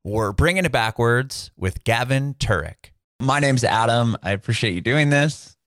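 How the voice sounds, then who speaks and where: A man's voice: medium pitch, animated, moderate pace, a bit bright, dry recording, studio quality. A man hosting a music podcast, chatting casually and upbeat over a video call, with short friendly affirmations. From San Diego, Southern California. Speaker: podcast host. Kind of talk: casual interview chat.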